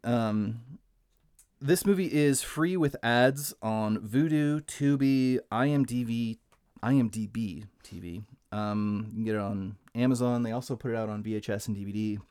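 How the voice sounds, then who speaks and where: A man's voice: medium pitch, moderate pace, darkish tone, clear, resonant tone. A man co-hosting a casual movie podcast, rambling with lots of ums and laughing easily. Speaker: podcast co-host presenting the movie. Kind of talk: casual chat.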